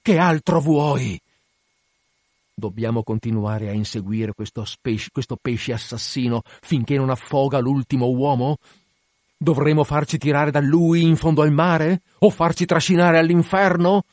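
A man's voice: a little high, measured pace, a little mellow, dry recording, clean studio sound, close to an everyday voice. A man voicing a grave, devout first mate who pleads earnestly, in a dramatic reading. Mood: pleading.

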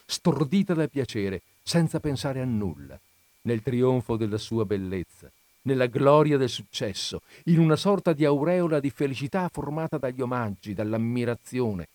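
A man narrating a classic story as an expressive, dramatic audiobook reading. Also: medium pitch, no echo.

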